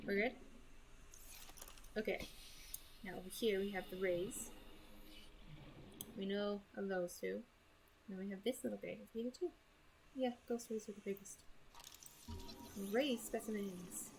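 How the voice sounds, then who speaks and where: A woman's voice: medium pitch, steady tone, a little slow, long pauses, darkish tone, a little hiss or hum, rough recording. A young woman hosting a casual let's-play from home, chatting and reading in-game text aloud with lots of ums. She has the hiccups. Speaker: gaming channel host. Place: home room.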